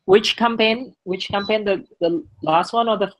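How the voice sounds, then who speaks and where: In a low-quality recording, a young man with a high voice presents his project to a class at normal speed, with questions after. His first language is Vietnamese. He hesitates throughout, using many fillers and restarting sentences often.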